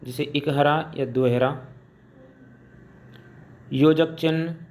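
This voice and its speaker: A male teacher gives a measured lesson at a very unhurried pace. He sets out each term with a pause, dictates his examples, then explains them. Faint noise sits under his voice. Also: fairly high pitch, steady tone, darkish tone. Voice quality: deliberate, pausing between listed items. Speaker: Hindi grammar teacher. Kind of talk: slow explanatory classroom lecture.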